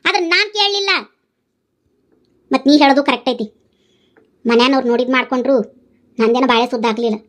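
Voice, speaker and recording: A woman's voice: high voice, fast, pauses often, close to an everyday voice. A woman voicing a pregnant young wife in a cartoon, defending herself to her mother in a North Karnataka Kannada accent. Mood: defensive. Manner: defensive, pleading, explaining.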